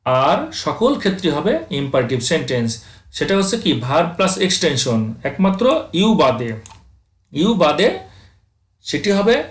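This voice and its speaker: A man teaching English grammar over slides, asking his students questions and answering them himself, reading the English examples out slowly. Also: a little high, big pitch swings, echoey room. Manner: addresses students as dear friends, asks and answers own questions; reads English examples slowly, then explains.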